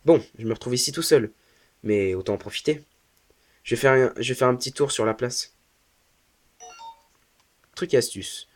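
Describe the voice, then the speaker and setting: A man's voice: medium pitch, moderate pace, long pauses. A young man commenting casually on a game he is playing, chatty and joking, often restarting his sentences. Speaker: let's play host.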